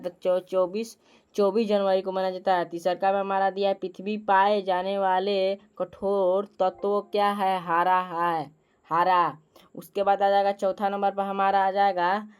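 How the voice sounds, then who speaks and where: A woman's voice: medium pitch, a little mellow, smooth. A woman reading school quiz questions and answers to students, with frequent restarts and repetition. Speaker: teacher presenting school assembly quiz.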